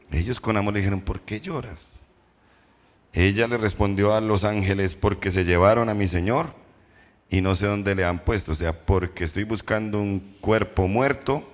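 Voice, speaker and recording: A man preaching a sermon as pastor, posing questions to the congregation and slowing down for emphatic repetitions. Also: fairly low pitch. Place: church hall. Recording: reverberant church hall.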